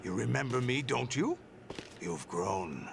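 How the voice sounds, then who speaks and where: A man's voice: medium pitch, very animated, measured pace, creaky, very noisy. A man voicing a cold, authoritative middle-aged male villain in a video game. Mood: menacing.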